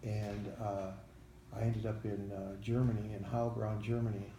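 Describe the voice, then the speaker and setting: An older American man, a veteran in an interview, remembering his army days in a halting, plain-spoken way. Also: fairly low pitch, flat delivery, mellow. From United States. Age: 70s or older. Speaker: Vietnam-era army veteran being interviewed. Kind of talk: veteran interview, recalling memories. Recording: echoey room, faint background noise.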